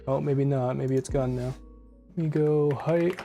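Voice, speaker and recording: A man's voice: medium pitch, fairly even intonation, unhurried, gravelly, highs cut off, over music. A young man on his first live stream, chatting casually and a bit scattered as he fiddles with his audio settings and starts a PC build at his desk. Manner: scattered and self-deprecating, thinking aloud. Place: home desk setup. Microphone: desk mic with live compressor tweaks.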